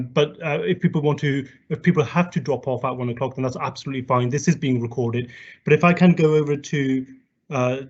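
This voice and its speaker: A man's voice: mid-range voice, a little mellow. A man hosting a webinar, chairing informally in a polite, somewhat hesitant way. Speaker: webinar host. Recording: dull webinar audio.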